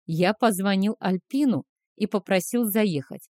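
Calm commanding male clan leader in an audiobook , read by a woman, mellow dry voice. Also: mid-range voice, measured pace, no room sound, lightly acted. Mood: calm, planning.

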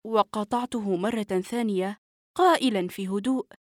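A woman narrating a novel for an audiobook in a steady, even storytelling manner. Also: medium pitch, moderate pace, no echo, clean studio sound.

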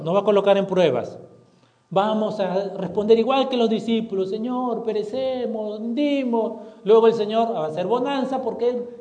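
A man pastor preaching a sermon, asking the congregation questions and swinging from loud to hushed. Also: high-pitched, roomy sound. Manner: preaching with rhetorical questions, dramatic shifts in volume.

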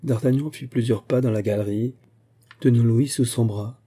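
A man reading a classic novel aloud as a narrator, in a measured literary manner. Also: medium pitch, fairly even intonation, dark tone, slightly rough. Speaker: audiobook narrator. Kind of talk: scripted narration.

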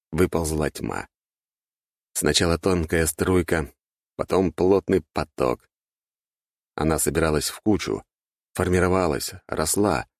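A male narrator reads a fantasy audiobook in a very low, gravelly voice. His delivery is steady and dramatic. The recording is dry and close-miked. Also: no echo.

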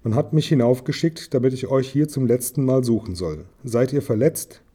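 A man reading the part of a strong, helpful male soldier who speaks directly and calmly. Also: mid-range voice, normal speed, breathy edge, close to an everyday voice. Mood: earnest.

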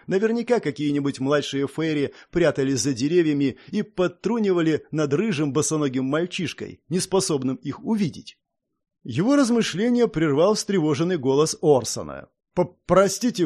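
A man narrating a fantasy audiobook in an expressive storytelling manner. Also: on the high side, normal speed. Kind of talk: scripted narration.

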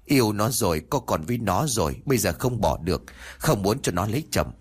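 A man's voice: fairly low pitch, big pitch swings, a little fast, husky. A man doing a wailing angry male ghost. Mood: sullen. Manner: shouting, whining and sobbing. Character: angry possessed ghost of a man, defiant then pleading.

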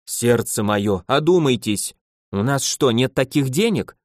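A man's voice: medium pitch, lively intonation, a little slow, dry recording, studio quality, natural voice. A man voicing a timid henpecked nobleman who pleads with his wife in a plaintive, sighing way. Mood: pleading. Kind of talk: audiobook character voice.

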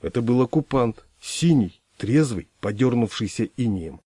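Male audiobook narrator, theatrical comic reading, warm low timbre. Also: moderate pace, breathy edge, no room sound, clean studio sound. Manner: lively, theatrical delivery of dialogue.

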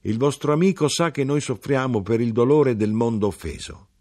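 A man's voice: medium pitch, moderate pace, a little mellow, voice pushed up, natural voice. A man voicing a small, sorrowful old hermit who writes about the world's pain, speaking solemnly in an audiobook. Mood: solemn lament. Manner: solemn, grieving, preaching. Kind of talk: audiobook reading.

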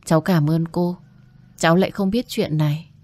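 A woman's voice: low voice, fairly even intonation, normal speed, lightly acted. A woman voicing a humble pleading young woman. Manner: pleading, soft, polite. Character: young woman, poor medical student, earnest and humble.

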